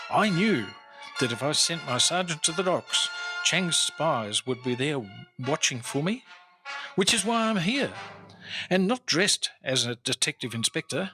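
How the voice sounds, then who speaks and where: A slightly high male voice belongs to an actor in an old-time radio drama, playing a famous, boastful detective inspector of the Victorian era. His delivery is formal, theatrical, and self-assured.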